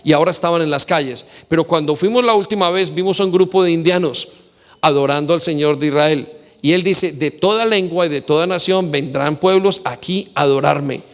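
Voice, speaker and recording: A man's voice: on the high side, a little fast. A man preaching a sermon as pastor, quoting scripture and speaking directly to his listeners. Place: church hall. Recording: long hall reverb.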